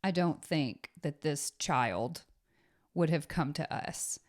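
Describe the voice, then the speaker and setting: A woman's voice: low-pitched, slow. A woman in her thirties co-hosting a parenting podcast in casual chat, earnest and thoughtful, often murmuring agreement. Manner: earnest, thoughtful, with frequent mm-hmms. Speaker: podcast co-host.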